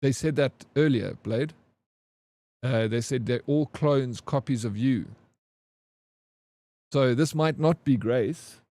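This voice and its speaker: Male streamer, 40s, relaxed and jokey, dry close sound. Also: mid-range voice, slow pace, long pauses, no echo. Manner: chatty, joking, reads and answers chat. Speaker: game streamer. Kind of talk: casual live-stream chat.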